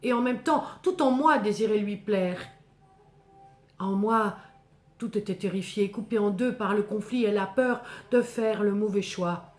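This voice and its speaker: A woman's voice: mid-range voice, a little mellow, close to an everyday voice. A woman voicing Moses, a humble, fearful shepherd, in intense, theatrical first-person biblical storytelling. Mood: terrified. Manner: theatrical, intense, measured short phrases. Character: Moses, terrified humble male shepherd telling his encounter. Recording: echoing, reverberant voice recording.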